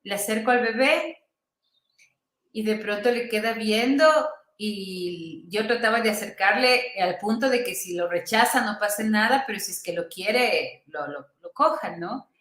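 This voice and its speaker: A woman doctor speaks as an interview guest, earnest and tender, pausing and restarting as she tells a story. Her voice sits at an ordinary pitch for a woman. The room around her adds a noticeable echo. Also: a bit bright.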